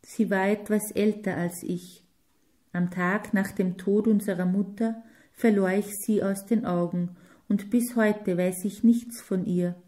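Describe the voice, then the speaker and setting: An earnest grown man who lost his parents as a child tells his story in a slow, mellow voice, as a woman reader speaks his lines. He talks plainly and sincerely, in a storybook reading. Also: medium pitch, fairly even intonation, lightly acted.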